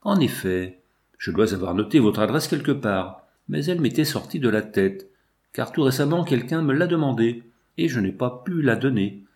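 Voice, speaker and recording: A man's voice: mid-range voice, lively intonation, moderate pace, a little mellow, lightly acted. Haughty rich male capitalist, curt and condescending, as read by a man. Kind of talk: audiobook character voice.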